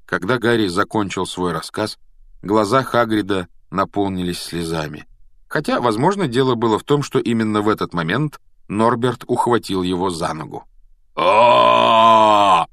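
A man narrating a children's storybook in a measured, expressive reading voice. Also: on the low side, no echo, studio quality. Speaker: audiobook reader.

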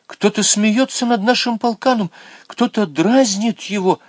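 A man reading a children's story voicing an eager young schoolgirl who speaks up excitedly in class. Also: mid-range voice, unhurried, dry recording, pitched above the performer's own voice, close to an everyday voice. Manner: excited, exclaiming. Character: eager little schoolgirl pupil.

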